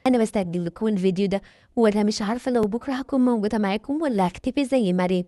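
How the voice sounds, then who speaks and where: Very fast-talking Egyptian woman storyteller. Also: medium pitch, mellow, dry recording, clean studio sound. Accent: Egyptian Arabic. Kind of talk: scripted horror storytime narration.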